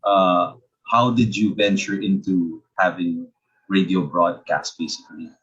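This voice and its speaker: A male podcast host asking halting interview questions with many pauses. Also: low-pitched, fairly even intonation, fairly bright tone, husky, muffled recording.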